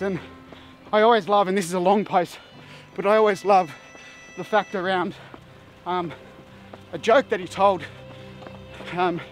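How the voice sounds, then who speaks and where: Animated high-voiced man. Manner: animated, emphatic storyteller. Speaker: vlogger. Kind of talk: casual storytelling monologue.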